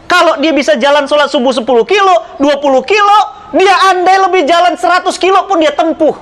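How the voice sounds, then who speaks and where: A middle-aged Islamic preacher tells religious stories animatedly in conversation, speaking a little fast with dramatic swings in pitch and loudness. He addresses his listener directly and persuasively.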